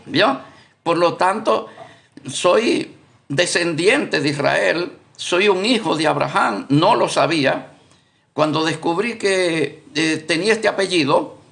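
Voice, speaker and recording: A man giving a live-streamed Bible study. He speaks deliberately, repeats himself, corrects himself as he thinks aloud, and keeps checking in with his listeners. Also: fairly high pitch, gravelly, fairly bright tone. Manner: deliberate, repetitive, often asks "¿Vio?".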